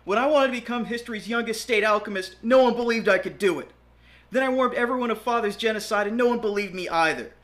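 A young man voicing a brash young male hero, yelling melodramatically. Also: a little high, slow. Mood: pleading.

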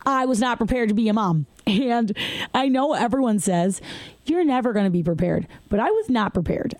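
A woman's voice: on the high side, lively intonation, normal speed, darkish tone, dry recording. A woman hosting her own podcast, chatting candidly and laughing now and then as she tells a personal story. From Michigan. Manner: chatty, candid, laughs while telling stories. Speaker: podcast host.

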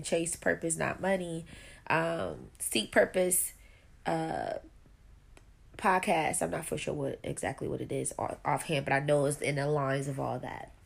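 Chatty congested woman podcaster, gravelly voice. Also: lowish voice, a bit bright. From Buffalo, New York. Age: 30s. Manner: chatty, rambling, laughs often. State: congested, talking through her nose. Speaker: podcast host. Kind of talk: casual solo podcast monologue.

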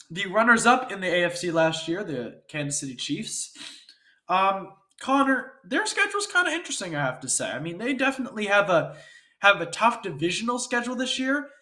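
A man's voice: high voice, very animated, a little fast, sharp tone. A man with a stuffy nose hosting a casual sports talk show, chatty and often checking for agreement. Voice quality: congested, stuffy-nosed. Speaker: podcast host.

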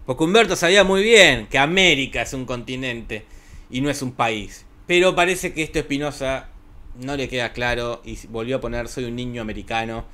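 Relaxed Argentine man hosting a podcast. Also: medium pitch, moderate pace. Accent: Argentine Spanish. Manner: relaxed, chatty, hesitant with fillers. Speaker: podcast host. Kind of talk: casual chat.

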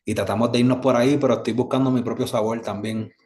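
A man's voice: medium pitch, fairly even intonation, quick pace, a little mellow. A man from Puerto Rico with a Puerto Rican accent, a musician guest talking in an easygoing, rambling way. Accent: Puerto Rican Spanish. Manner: easygoing, rambling, with many fillers. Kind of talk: casual interview.

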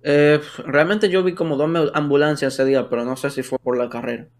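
A man's voice: fairly high pitch, steady tone, fairly quick. Young Dominican man in slangy chat. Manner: slangy, peppered with tag questions. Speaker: podcast co-host. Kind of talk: casual chat with friends.

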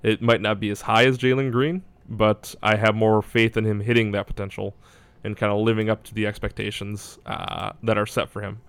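Casual male sports analyst, low and flat delivery, clean dry sound, works out his thoughts as he speaks. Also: fairly quick, hardly any pauses, clear, resonant tone, dry recording. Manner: hedging, thinking aloud. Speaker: basketball draft analyst.

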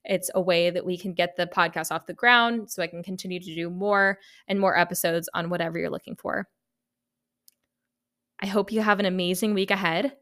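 A young woman talks alone on her podcast in a smooth, clear voice pitched a little low. She sounds earnest and reflective, with an upbeat lift. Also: steady tone, fairly quick, a bit bright. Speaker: podcast host. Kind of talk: solo podcast monologue.

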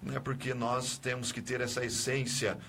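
A man's voice: medium pitch, flat delivery, normal speed, sharp tone, slight background noise. A man, a pastor hosting a religious radio call-in, affirming and exhorting his caller. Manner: affirming, exhorting, often adds "né?".

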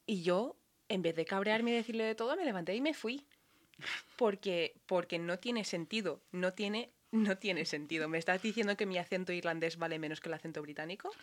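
A young Irish woman, a native English speaker, chatting casually and laughing often with quick agreeing interjections. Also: fairly low pitch. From Ireland. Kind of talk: casual chat.

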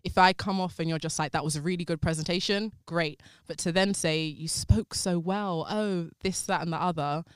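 A young woman from North London with a London accent, well-spoken and clearly enunciated, chatting in a group discussion. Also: fairly low pitch, steady tone, fairly quick, hardly any pauses, no echo, clean studio sound. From North London, England.

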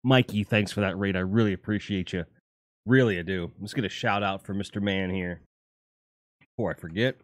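A man's voice: low-pitched, brisk, no echo. Profane, rambling livestream host, a middle-aged man. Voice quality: profane, rambling, self-correcting. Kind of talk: casual chat.

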